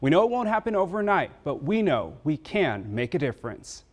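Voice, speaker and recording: A man anchoring the news, reading a scripted segment in a measured, earnest way. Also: on the high side, very animated. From United States.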